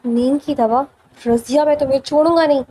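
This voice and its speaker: A woman's voice: high voice, fairly even intonation, warm tone, lightly acted, poor audio. A woman reading the part of an angry, commanding young father in a storybook romance. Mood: furious. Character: furious protective young father.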